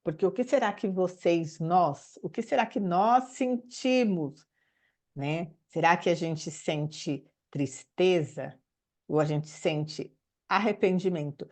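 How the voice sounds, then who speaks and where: A woman's voice: fairly low pitch, takes it slowly, a little mellow. Questioning Brazilian woman teacher. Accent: Brazilian Portuguese. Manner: asks many rhetorical questions, tag "né?"; laughs as she speaks. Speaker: teacher and systemic pedagogy mentor. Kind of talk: informal talk to camera.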